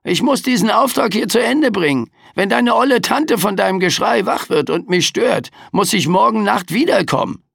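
A man's voice: high-pitched, animated, normal speed, vocal fry, few pauses, fairly bright tone, dry recording, clean studio sound, pitched above the performer's own voice, exaggerated voice. A man voicing a grumpy, overworked male Grim Reaper skeleton in an audiobook, grumbling and cheeky. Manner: grumbling, cheeky, tags questions with "hä". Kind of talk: audiobook character voice.

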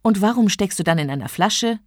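A woman's voice: mid-range voice, expressive, fairly quick, no room sound, studio quality, natural voice. Woman reading as a shy, nervous man. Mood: timid. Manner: hesitant, apologetic and timid. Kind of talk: storybook reading.

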